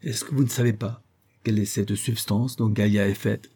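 Guy doing a dry polite army captain, slightly raised voice, husky. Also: fairly low pitch, steady tone, normal speed, warm tone. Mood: wry. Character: witty male army captain, adult.

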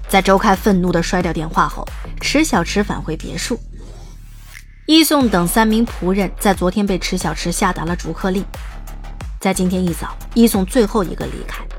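A woman reading the narration of an audio drama in a smooth, lightly wry storytelling manner. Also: mid-range voice, fairly bright tone.

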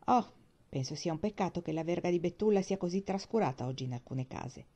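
A woman's voice: lowish voice, animated, fairly quick, warm tone. A woman voicing a strict, disapproving elderly aunt who speaks sharply.

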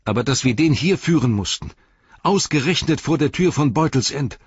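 A man voicing a gentle, merciful young hobbit who speaks earnestly, in a dry, slightly dull recording. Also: mid-range voice, expressive, normal speed, slightly rough, no room sound, voice pushed up. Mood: troubled.

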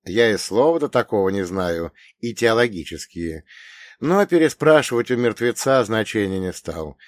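A man reading a first-person audiobook in a measured, explanatory manner. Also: on the low side, lively intonation, dry recording, clean studio sound. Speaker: audiobook narrator.

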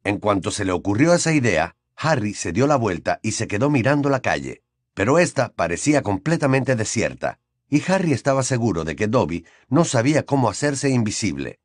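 A man narrating an audiobook in an expressive storytelling manner. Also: on the low side, a little fast, dry recording, clean studio sound. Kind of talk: scripted narration.

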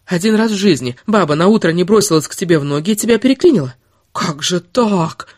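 A woman's voice: lowish voice, animated, quick pace, dry recording, clean studio sound, voice pushed up. A woman voicing a furious, sarcastic young woman who hurls insults in an audiobook. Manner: shouting insults, biting sarcasm.

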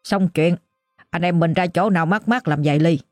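A woman's voice: lowish voice, no echo, soft background music, close to an everyday voice. A woman voicing a greedy, ruthless middle-aged boss who haggles harshly. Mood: smug. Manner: gruff, hectoring, rapid.

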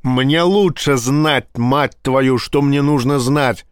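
A man voicing a hot-tempered male police vice-admiral who swears in loud, agitated outbursts. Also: medium pitch, slow pace, clean tone, dry recording, clean studio sound, close to an everyday voice.

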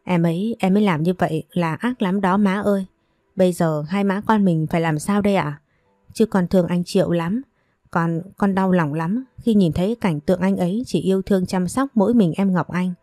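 A woman's voice: lowish voice, moderate pace, warm tone, no echo, clean studio sound, lightly acted. A woman voicing a scheming young woman who talks in a falsely sweet, pleading way. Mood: feigned hurt.

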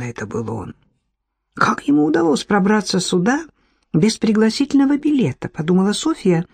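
A woman's voice: lowish voice, warm tone. A woman reading a novel aloud, narrating expressively and shifting her voice for the characters.

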